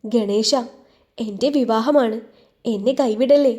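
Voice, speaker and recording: A woman voicing a gentle young bride who speaks softly and pleadingly. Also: a little high, slow pace. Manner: soft, pleading.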